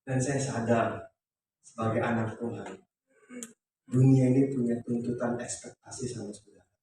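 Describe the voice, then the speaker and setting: High-pitched pastor guy preaching, playful, far off in a booming echoey church with faint hiss. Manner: lively, playful preaching with quick swings between soft asides and loud declarations. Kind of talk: sermon. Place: church sanctuary. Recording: echoey hall recording from afar.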